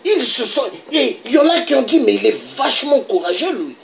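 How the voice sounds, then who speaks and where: This woman speaks a little fast in a high register with big pitch swings, vocal fry, and a somewhat bright tone, over slight background noise. She's a political commentator from DR Congo giving a fervent monologue. Her points land emphatically, frequently capped by a rhetorical "hein?".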